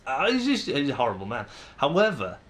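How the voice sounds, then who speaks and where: A vlogger in his twenties from the Manchester area talks to camera in a casual, rambling monologue, self-deprecating and full of restarts, with a northern English accent. His medium-pitched voice swoops wildly and is fairly quick and bright, with a little hiss or hum.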